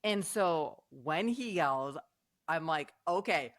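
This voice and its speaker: A woman's voice: low-pitched, moderate pace, crowd noise. A middle-aged woman co-hosting a podcast, telling stories in casual chat and laughing often. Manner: animated storyteller, laughs often. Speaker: podcast co-host.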